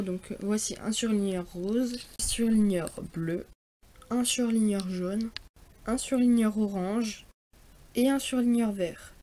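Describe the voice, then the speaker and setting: A woman's voice: a little high, dark tone, a little hiss or hum. A teenage girl in a casual vlog, showing her school bag and talking in a chatty, hesitant way with many fillers. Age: teens. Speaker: vlogger.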